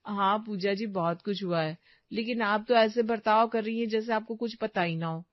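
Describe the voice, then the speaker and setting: A woman voicing a young gossipy daughter-in-law in a cartoon story, shrill and accusing. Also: normal speed, dry recording, muffled recording, natural voice. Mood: indignant.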